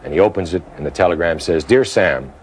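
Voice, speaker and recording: A man's voice: low voice, steady tone, racing, very noisy. A man telling a joke as a story, who raises his voice to act out the characters' lines. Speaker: joke teller.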